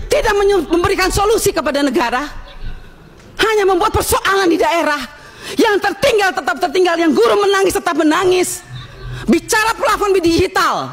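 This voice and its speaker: A woman's voice: very high-pitched, fairly bright tone. A woman member of parliament giving an impassioned, indignant speech at a hearing, scolding officials and raising her voice.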